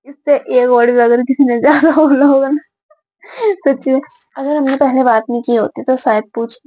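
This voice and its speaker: A woman's voice: sits high, fairly even intonation, normal speed, warm tone, dry recording, low-quality recording. Giggly young woman telling a story. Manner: giggly, chatty, repeats filler words often. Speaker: vlogger. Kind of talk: casual storytelling to camera.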